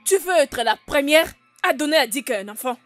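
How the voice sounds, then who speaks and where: A woman's voice: high-pitched, animated, normal speed, soft background music. A woman voicing a jealous, scheming wife in a French film dub, speaking in a harsh, commanding way. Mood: menacing. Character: jealous, scheming adult wife, cruel and threatening.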